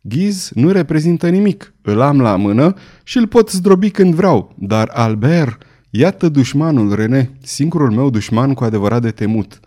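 A man's voice: mid-range voice, animated, warm tone, natural voice. A man voicing a scheming, vengeful middle-aged queen full of intense hatred in an audiobook reading. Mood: hateful.

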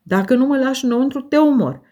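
A woman's voice: high voice, dark tone, voice pushed up, lightly acted. A woman voicing a sickly young man in an audiobook, shrieking in frantic, helpless fury. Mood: shrieking rage.

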